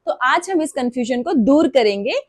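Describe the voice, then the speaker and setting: High-voiced woman teaching vowels. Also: animated, no room sound, studio quality. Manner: stretches and repeats example words slowly. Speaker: preschool Hindi teacher. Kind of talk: explaining a lesson to parents.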